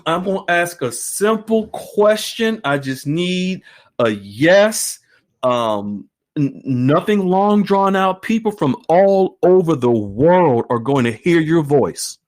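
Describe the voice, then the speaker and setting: A man hosting an online group call, animated and exclaiming often. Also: a little high. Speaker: host.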